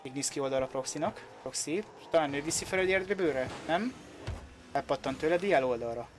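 A man giving excited live play-by-play commentary on a video game match, like a sports commentator. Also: a little high, soft background music. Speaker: esports commentator.

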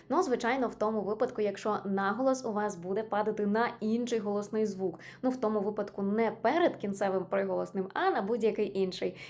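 A woman's voice: mid-range voice, a little mellow. A woman teaching an online English lesson, patiently explaining spelling rules and stressing each example word.

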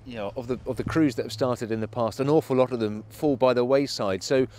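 A man's voice: mid-range voice, fairly even intonation, fairly quick, darkish tone, a little hiss or hum. A male interviewer outdoors by a lake, asking friendly, probing questions.

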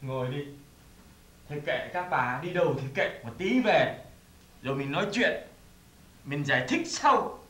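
A man's voice: on the high side, animated, a little slow, long pauses, bright, forceful tone, reverberant, distant mic. A man acting in a stage comedy sketch, boastful and coaxing as he pushes his friend to be brave.

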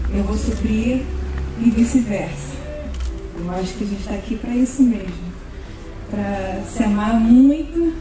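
Young brazilian bride saying vows, highish voice, super echoey with loud background noise. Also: female voice. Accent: Brazilian Portuguese. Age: young adult. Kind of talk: spoken wedding vows. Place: outdoor night wedding with guests. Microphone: handheld mic through speakers, filmed from afar. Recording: echoey far-off event recording, noisy.

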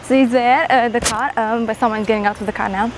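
A woman's voice: on the high side, fairly even intonation, quick pace. Chatty young woman vlogging on a street. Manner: chatty, hesitant, many fillers and little laughs. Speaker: photography vlogger. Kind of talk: casual vlog walk-and-talk. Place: outdoors on a city street. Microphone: lapel mic. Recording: street noise in the background.

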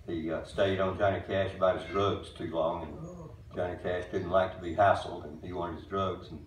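A deep-voiced man in his eighties, a bandleader introducing a tribute show, talks plainly to an audience from a small stage in a wooden-walled music barn. He speaks in a steady tone but halts often with many uhs. A far camera recording the stage mic captures roomy hall sound from a distance.

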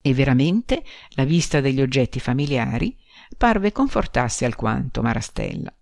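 A woman reading a literary short story aloud as an audiobook narrator, measured and expressive. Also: rumbling low, gravelly, no room sound, studio quality.

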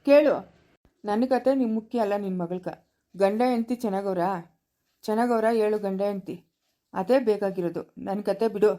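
A woman playing a gentle old village grandfather. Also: on the high side, lightly acted. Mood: reassuring. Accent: rural Chikkaballapura Kannada. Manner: soothing, reassuring. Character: gentle elderly village grandfather, patient peacemaker. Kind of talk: amateur family skit acting.

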